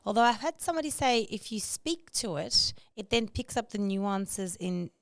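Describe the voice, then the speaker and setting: Woman podcast guest, clear smooth voice, lively and laughing, dry close mic. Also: mid-range voice, normal speed, no echo. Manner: animated, laughs often, mimics voices. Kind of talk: casual chat.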